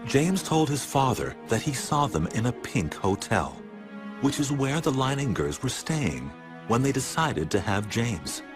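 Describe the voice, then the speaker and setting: A man giving scripted documentary narration in a measured, dramatic storytelling manner. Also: medium pitch, very animated. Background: music underneath.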